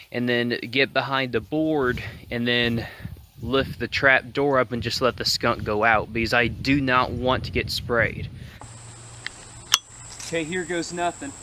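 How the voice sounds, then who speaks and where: A man hosting an outdoor how-to vlog, talking to the camera with excited, folksy exclamations. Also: mid-range voice, a little hiss or hum. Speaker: vlog host.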